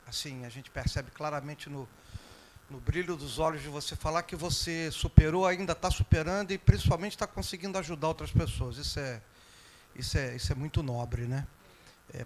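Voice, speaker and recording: A man's voice: mid-range voice, darkish tone, a little hiss or hum. A Brazilian man with a Brazilian Portuguese accent commenting from the audience, hesitant at first and reading from notes. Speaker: audience member asking a question.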